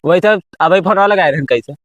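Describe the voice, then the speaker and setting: A man plays a pushy village middleman in a homemade comedy. His voice is high, with an Awadhi accent. He cajoles and argues as he tries to broker a deal. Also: moderate pace, a bit bright, dry recording. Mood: exasperated. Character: pushy village go-between arranging a contract killing. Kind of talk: amateur rural comedy sketch acting.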